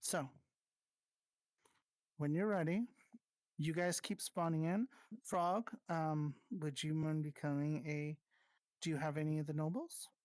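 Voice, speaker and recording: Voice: mid-range voice, fairly even intonation, darkish tone, no echo. Dry-voiced game master giving directions. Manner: gives quick instructions, restarts often. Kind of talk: casual voice chat running an online roleplay.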